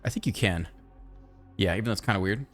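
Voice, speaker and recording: A man giving casual, chatty commentary over his own card game, thinking aloud and breaking into excited outbursts. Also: lowish voice, fast, faint music behind. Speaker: gaming channel host.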